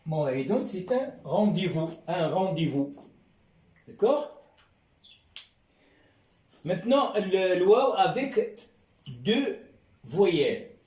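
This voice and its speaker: Slow, patient man teaching letters. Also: high-pitched, sing-song, darkish tone, recorded from a distance. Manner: patient, repeats words, checks with "hein?" and "d'accord?". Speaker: Arabic literacy teacher. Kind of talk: slow classroom lesson. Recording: echoey room, voice off-mic.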